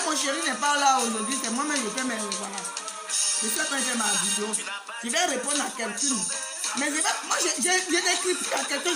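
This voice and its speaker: A woman in French, addressing online followers in an emphatic, indignant and repetitive way. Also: sits high. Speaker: social media video creator. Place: inside her home in Germany. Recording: loud music playing behind. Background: loud music.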